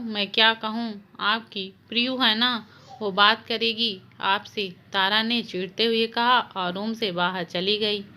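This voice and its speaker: A woman narrating a scripted drama story in a slow, dramatic reading. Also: medium pitch, pushed and bright.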